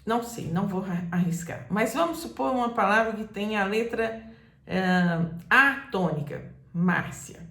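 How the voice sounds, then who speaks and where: A woman teaching a grammar lesson, patient and repetitive, sometimes calling out words loudly to show the stressed syllable. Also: mid-range voice, moderate pace. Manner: patient, repeats examples, calls out words loudly to demonstrate stress. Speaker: Portuguese teacher. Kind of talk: slow explanatory grammar lesson. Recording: echoey room.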